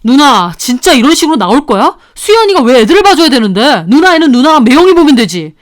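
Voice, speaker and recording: A woman reading a story voices an angry young husband scolding his older sister over the phone, shouting indignantly. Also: high voice, big pitch swings, quick pace.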